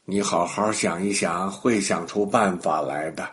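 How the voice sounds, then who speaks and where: A greedy old mother crocodile from a storybook, voiced by a man. She speaks in a low, deep voice, well below the man's own. She gives orders slowly and in a commanding way. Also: a bit bright. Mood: demanding.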